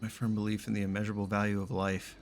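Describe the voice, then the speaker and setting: Racing through his commentary in a lowish voice with little pitch movement, this streamer swears freely and throws out baffled questions while reacting live to a story quest. Slight background noise mixes with faint game music and dialogue.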